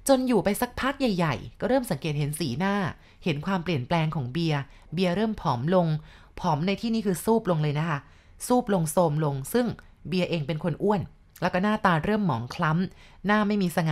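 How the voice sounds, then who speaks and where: Female storyteller, lowish voice, casual chatty ghost-story retelling with frequent asides. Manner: chatty, adds explanatory asides and polite particles.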